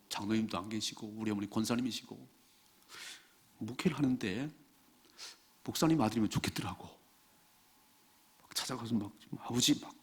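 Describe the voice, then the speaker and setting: Animated husky-voiced male pastor preaching. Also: lowish voice. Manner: emphatic, repeats key phrases, reads scripture slowly. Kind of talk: sermon. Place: church service.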